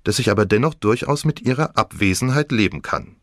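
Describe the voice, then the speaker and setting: A man's voice: mid-range voice, lively intonation, fairly quick, a bit bright, dry recording, studio quality, pitched above the performer's own voice, close to an everyday voice. A man voicing a flippant, teasing girl of about seventeen in an audiobook, with theatrical, mock-dramatic speech.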